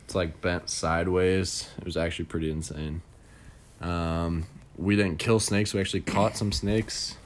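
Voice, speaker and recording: A man's voice: sits low, steady tone, a little slow, a little hiss or hum. A young man co-hosting a podcast, chatting in an easygoing way and laughing often. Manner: easygoing, laughing, many fillers. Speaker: podcast co-host. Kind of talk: casual chat.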